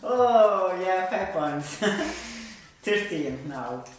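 Young woman, Italian accent, teasing casual taste-test chat. Low voice, very echoey room. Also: expressive, drawn-out words. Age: young adult. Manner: teasing, giggly. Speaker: challenge host and scorekeeper. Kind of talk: casual playful chat during a jelly bean taste challenge. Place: indoors, small living room on a sofa. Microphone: camera mic a short way off. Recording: very echoey room with music behind.

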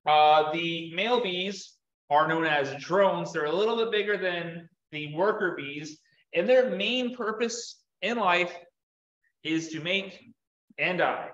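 Slow and high-voiced with a fairly bright tone, a young man gives a relaxed slide-show talk about beekeeping to a group, peppered with fillers and restarts. The lo-fi sound comes from a distant camera in an echoey indoor meeting room.

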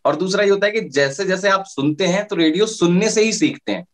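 A man's voice: sits high, expressive, brisk. A male radio jockey explaining his career in a casual interview, with frequent fillers and restarts.

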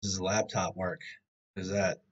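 A man's voice: low voice, level tone, a little slow, breathy edge. A man hosting a casual news rundown from a hotel room through a laptop mic that makes him sound tinny, stumbling over words as he reads headlines. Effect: tinny, tin-can sounding laptop mic. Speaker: live-stream news host. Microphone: laptop microphone.

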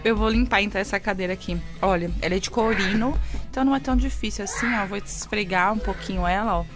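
A woman's voice: mid-range voice, fast. A Brazilian woman filming a casual home vlog in her bedroom, chatting animatedly and exclaiming to her little ones as she cleans. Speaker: vlogger and mother. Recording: loud music over the voice. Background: loud background music.

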